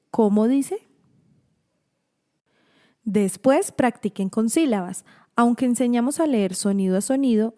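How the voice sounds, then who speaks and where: Female narrator, unhurried instructional read, soft mellow timbre. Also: on the high side. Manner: slow, careful, stretching example words. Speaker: narrator of an educational video for teachers and parents.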